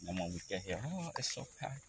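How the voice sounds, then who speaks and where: A man's voice: medium pitch, big pitch swings, fairly quick. A man making practical, matter-of-fact remarks in casual chat outdoors in a park, picked up by a phone. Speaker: family member on a camping trip. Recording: phone recording with outdoor noise.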